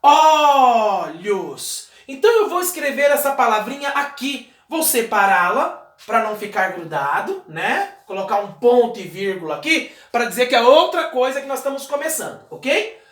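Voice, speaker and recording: A man's voice: very high-pitched, very animated, normal speed, a bit bright. A male teacher giving a recorded lesson, explaining step by step as he writes on a wall, patient and checking in with short questions. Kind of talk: video lesson, explaining while writing. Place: indoor room, writing on a wall. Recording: echoey room.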